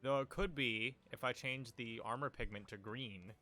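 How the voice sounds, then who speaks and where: Streaming a video game from home, this man chats casually into a desk microphone, rambling with fillers and little jokes. His medium-pitched voice sounds pushed and bright, at a moderate pace.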